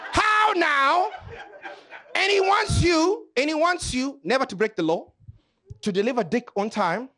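A man from Kenya works the crowd during a stand-up comedy set at a club, loud and animated as he jokes. His voice is very high, and a little hiss or hum is audible.

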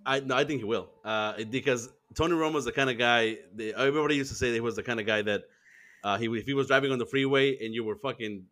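A man's voice: medium pitch, fast, fairly bright tone. A man co-hosting a casual sports podcast, crude and teasing, mocking players and friends. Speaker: podcast co-host.

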